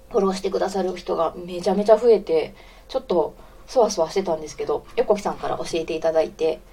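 A woman's voice: lowish voice, mellow, husky. A woman of about forty from Osaka with a Kansai accent, chatting casually on a live audio stream, giggling and stopping to greet listeners. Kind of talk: casual live radio chat, reading listener comments.

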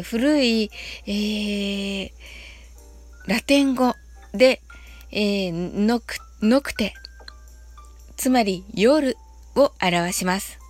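A woman hosting an audio show, giving a relaxed English lesson in a soft, polite way, with many fillers and English words drawn out slowly. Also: medium pitch. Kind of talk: slow, friendly English lesson monologue.

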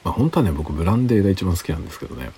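A tipsy man rambling casually in a hushed late-night solo chat as a livestream host. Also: deep voice, expressive, rapid-fire, a little hiss or hum. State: drinking alcohol, tipsy.

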